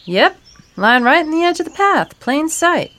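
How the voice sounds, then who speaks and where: A man's voice: very high voice, big pitch swings, measured pace, bright, forceful tone, pitched above the performer's own voice, full character voice. A man voicing a sassy, folksy woman who knows a great deal about guns. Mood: knowing, folksy.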